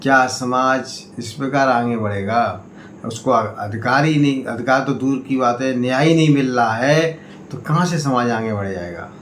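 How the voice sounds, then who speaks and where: A man giving a political speech to community members, in slow, emphatic oratory that swings between raised appeals and low warnings. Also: a bit bright, slight background noise. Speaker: party state president. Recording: echoey room, faint ambience.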